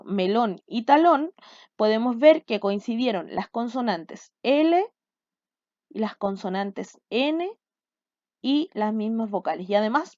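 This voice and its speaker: A woman's voice: on the high side, dark tone, no echo, lo-fi sound. A woman from Chile teaching a class, explaining step by step and often checking with "¿cierto?" and "¿ya?". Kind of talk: recorded online class.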